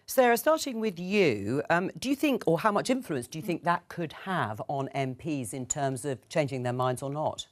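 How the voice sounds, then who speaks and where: A woman presenting a live political talk show, brisk and lively. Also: sits low.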